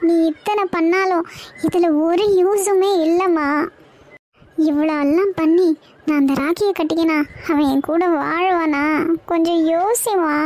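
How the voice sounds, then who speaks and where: A woman's voice: very high voice, a little mellow. An actress playing a young woman who pleads with her mother, remorseful and apologetic, in a TV serial scene. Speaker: daughter.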